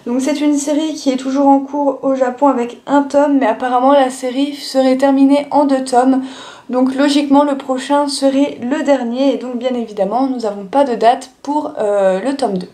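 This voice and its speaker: A woman's voice: high voice, fairly even intonation, moderate pace, warm tone. A young woman showing her monthly manga purchases in a casual haul video, chatting with frequent fillers and restarts. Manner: chatty, lots of "euh" and "du coup" fillers.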